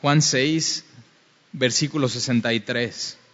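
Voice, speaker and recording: A man preaching a fervent sermon that rises to loud, emphatic passages. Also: medium pitch, fairly even intonation, slow. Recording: dull, reverberant hall sound.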